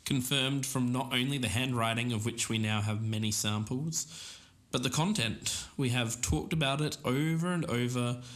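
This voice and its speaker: This is a bright-ish mid-range male voice that sounds natural. He's Australian, performing as an earnest, careful podcast co-host in a scripted audio drama who is investigating a lost, mysterious show.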